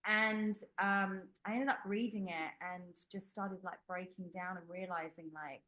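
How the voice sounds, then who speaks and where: With a mid-range, fairly bright voice, a young woman from the United Kingdom shares a personal story as a podcast guest. Her interview answers ramble candidly, full of fillers and false starts.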